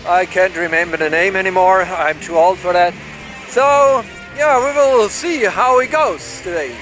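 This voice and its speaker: A man vlogging casually while riding a trike along a highway, halting with many fillers and making sarcastic jokes about bumpy roads. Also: a bit bright, faint music behind, rough recording. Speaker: travel vlogger. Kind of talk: casual commentary while driving.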